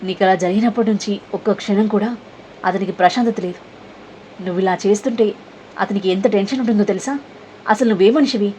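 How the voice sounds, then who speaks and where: Headstrong young woman, sharp scolding delivery, read by a female narrator. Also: mid-range voice, brisk, pauses often, a little hiss or hum, close to an everyday voice, poor audio.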